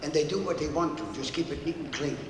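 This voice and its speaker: A man with a high voice announces casually as master of ceremonies, joking and repeating himself. He sounds distant in an echoey space with long reverb. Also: fast talker. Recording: echoey, distant mic, crowd noise.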